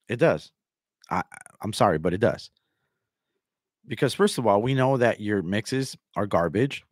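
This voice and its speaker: A man's voice: medium pitch, no room sound, clean studio sound. A man hosting his own channel, ranting with mocking sarcasm and repeating himself as he calls out a rival. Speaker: channel host. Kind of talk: ranting commentary.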